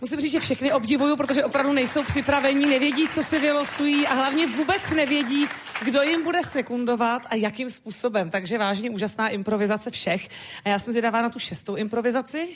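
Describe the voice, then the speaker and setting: A woman's voice: sits high, noisy background. A woman co-hosting a live comedy show, explaining and praising the improvisation. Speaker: co-host.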